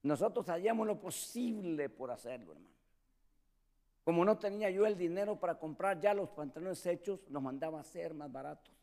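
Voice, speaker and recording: A middle-aged man preaching a sermon as pastor, animated, acting out the voices he quotes and often calling his listeners brother. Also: on the high side, a little fast, gravelly.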